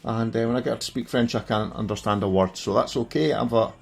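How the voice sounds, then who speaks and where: A middle-aged Scottish man with a broad accent chats casually through a gameplay stream. His voice is husky and his manner self-deprecating. Faint music plays behind him. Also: lowish voice, quick pace. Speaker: streamer reviewing a gaming handheld. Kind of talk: casual live gameplay commentary.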